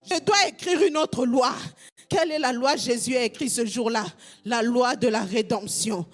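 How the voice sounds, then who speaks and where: Woman pastor from Congo, fervent preacher, high voice, repeats lines in half-sung shouts. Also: moderate pace, soft background music. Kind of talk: sermon.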